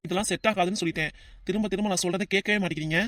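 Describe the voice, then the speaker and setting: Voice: mid-range voice, steady tone, racing, a bit bright, dry recording, natural voice. A voice actor playing a cautious twenty-year-old male student with a southern Tamil Nadu accent who keeps turning down a proposal. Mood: refusing. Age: 20s. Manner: hesitant, firm refusals. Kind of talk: cartoon voice acting.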